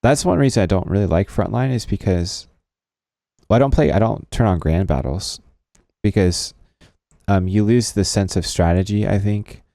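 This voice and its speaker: A man's voice: on the low side, normal speed, creaky, mellow, no room sound, clean studio sound. A man co-hosting a casual gaming podcast, laid-back and joking. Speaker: podcast co-host.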